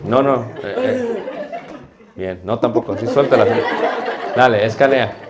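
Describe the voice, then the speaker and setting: Man, Mexican accent, speaking teacher, hands-on coaching, short brisk commands, teasing, mid-pitched. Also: over a noisy crowd. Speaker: public speaking teacher for church preachers.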